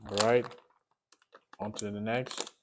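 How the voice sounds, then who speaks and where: A man's voice: on the low side, level tone, takes it slowly, noisy background. A man giving a casual, unscripted taste-test review while eating sour candy, often repeating and rephrasing himself.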